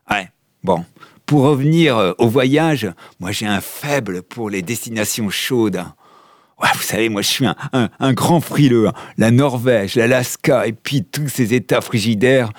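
A man's voice: medium pitch, no room sound, clean studio sound, natural voice. A man voicing a talkative male passport in a comic monologue, who complains about his travels and often tacks "hein" onto his sentences. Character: chatty male passport, cold-shy, grumbling about travel.

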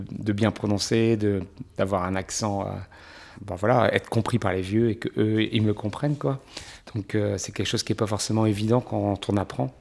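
A man who is a singer, talking reflectively in an interview, pausing often with fillers. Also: on the low side, vocal fry, a little mellow. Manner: hesitant, many pauses and fillers.

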